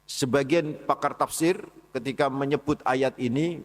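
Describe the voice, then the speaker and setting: A man's voice: medium pitch, normal speed. A man giving a casual, conversational talk at a dawn study session in a mosque, often calling on his listeners directly. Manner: conversational, addresses listeners as "Pak" and "saudara" often. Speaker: preacher. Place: large mosque hall. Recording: long hall reverb.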